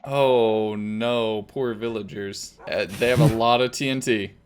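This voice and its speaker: A man's voice: lowish voice, fairly even intonation, a little slow, background noise. A man hosting a gaming video, mixing narration with casual chat among players.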